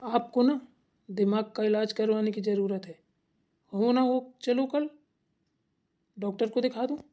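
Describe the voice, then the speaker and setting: A woman voicing a grown village son who reasons calmly and teases his mother gently. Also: a little high, unhurried, close to an everyday voice. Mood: reasoning. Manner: calm reasoning, gently teasing. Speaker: cartoon character voice. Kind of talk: cartoon voice acting.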